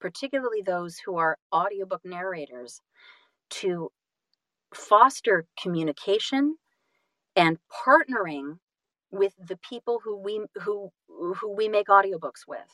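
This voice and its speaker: In a mid-range voice at a measured pace, with no echo, a woman talks earnestly and enthusiastically as a guest in a relaxed interview. An audiobook narrator and actor, she's expressive and likes to dramatize small quotes and asides.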